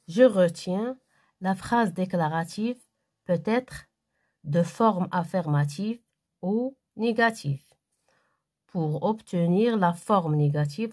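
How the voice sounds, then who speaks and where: Woman, primary grammar lesson, very slow reading, lowish voice, deliberate. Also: a little mellow. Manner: slow and deliberate, reading aloud then answering each exercise. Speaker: primary school teacher.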